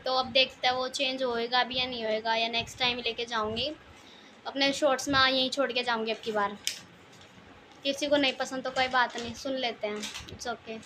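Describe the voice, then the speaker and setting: High-voiced chatty young woman vlogger. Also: little pitch movement, normal speed, noisy background. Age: young adult. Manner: talkative, laughs often, teasing. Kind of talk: casual chatty vlog. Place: at family home, outside.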